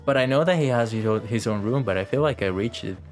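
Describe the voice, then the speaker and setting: A young game streamer rambles and thinks aloud in casual livestream commentary, game music running underneath. He speaks fast in a lowish voice.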